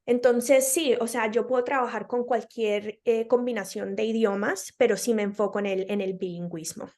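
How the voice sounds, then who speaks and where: A Colombian woman with a Colombian accent, a speech-language pathologist, is interviewed and explains things patiently with examples, using many hesitant fillers. Her voice is on the high side, steady in tone, somewhat dark, at a moderate pace.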